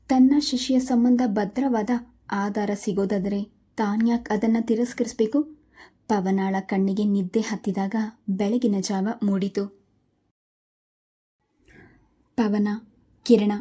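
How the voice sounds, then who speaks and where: A woman reading a family drama story aloud in a steady, emotive way. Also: mid-range voice, husky.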